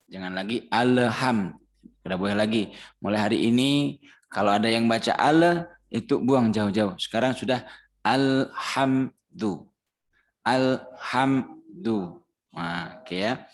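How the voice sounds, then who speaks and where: A male Quran teacher with a Banjar Indonesian accent, leading a Ramadan recitation class at an unhurried pace. His voice sits at an ordinary middle pitch. He patiently chants verses as examples and puts questions to his students.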